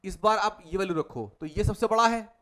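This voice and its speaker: Man, maths tutor, fairly high voice, step-by-step board working. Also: moderate pace, a bit bright. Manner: talks students step by step through working out each problem. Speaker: mathematics tutor. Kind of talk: whiteboard problem-solving lecture.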